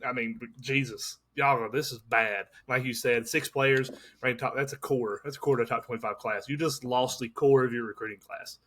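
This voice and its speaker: Young guy, bright voice, chill and jokey, talking college football with his buddy. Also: mid-range voice, steady tone, normal speed, few pauses, a little hiss or hum. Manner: laid-back, jokey, drawls out names. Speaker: podcast co-host. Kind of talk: casual sports chat.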